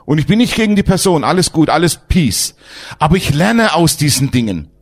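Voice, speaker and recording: A man preaching a sermon as pastor, emphatic and lively, asking his congregation questions. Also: on the high side, fairly quick.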